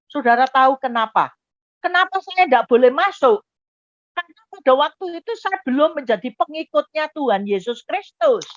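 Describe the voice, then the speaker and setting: A woman's voice: sits high, lively intonation, moderate pace, no room sound. A woman, giving an emotive testimony to a congregation and addressing listeners directly. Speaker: testimony speaker. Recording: dull dry lo-fi recording.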